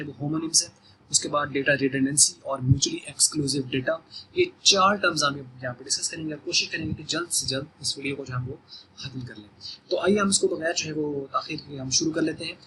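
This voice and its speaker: High, bright-voiced man explaining a lesson. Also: a little hiss or hum, rough recording. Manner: explanatory, repeats definitions, fillers. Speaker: teacher. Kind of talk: recorded lecture.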